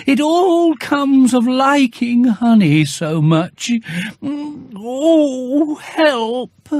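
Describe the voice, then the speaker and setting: Man putting on an earnest little storybook bear, high-pitched. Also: no room sound, studio quality, full character voice. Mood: plaintive. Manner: slow, pondering, singsong when excited.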